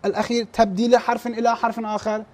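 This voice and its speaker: A man teaching a class on recitation errors, explaining how mistakes are scored and slowing down to demonstrate verses. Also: very high voice, little pitch movement, a little mellow. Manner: clears his throat now and then, restarts words.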